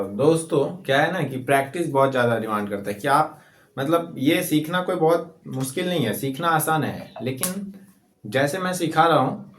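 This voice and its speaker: Male Hindi tutor, patient and repetitive, walking students through each letter step by step, roomy echoey sound. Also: on the high side. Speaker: Hindi teacher. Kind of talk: casual handwriting lesson. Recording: echoey room.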